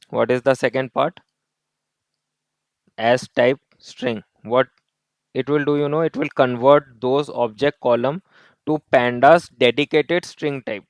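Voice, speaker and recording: A man teaches a coding lesson over a screen recording. His voice is smooth and clear, recorded dry and close to the mic. He breaks each step down and repeats key points, mixing in Hindi tag words. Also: mid-range voice, no echo. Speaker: coding tutor.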